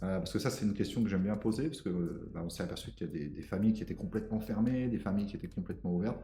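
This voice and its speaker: A male podcast host talks casually with a guest, piling several questions into one turn. His voice is low and mellow. It comes through with a noticeably roomy echo. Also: very fast, soft background music. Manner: informal, piles up several questions at once. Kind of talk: casual interview chat.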